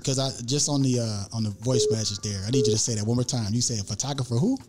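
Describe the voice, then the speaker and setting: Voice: medium pitch, quick pace, over loud music. A host running a live call-in show, eager and repeating phrases.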